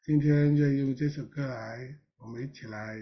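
Husky pastor guy giving a sermon, earnest, rises up then goes soft, kinda dull lo-fi sound. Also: mid-range voice, steady tone, moderate pace. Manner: earnest preaching with sudden emphatic rises and soft drops.

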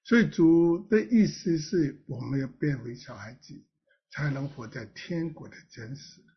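A man preaching a sermon as pastor, earnest, with emphatic rises and soft drops. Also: a little high, expressive, a little slow, slightly rough, muffled recording.

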